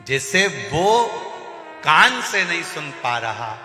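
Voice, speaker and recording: Brief: animated man preaching a story sermon, echoey venue with faint music. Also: on the high side, slow. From Madhya Pradesh. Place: large religious gathering.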